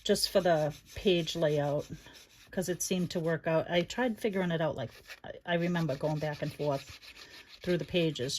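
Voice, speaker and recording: A woman with a low, slightly mellow voice and a Boston accent hosts a crafting livestream from Massachusetts, chatting casually both to viewers and to herself. Clicks, rubbing and other background noise are noticeable.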